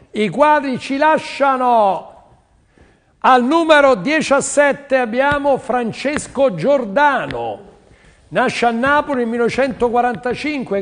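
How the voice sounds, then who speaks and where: A man's voice: very high-pitched, long reverb tail. A man selling paintings on a TV auction, pushing buyers and repeating his lines to urge them on. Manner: pushy, urging, repeats phrases. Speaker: TV art sales presenter. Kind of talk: televised art auction pitch.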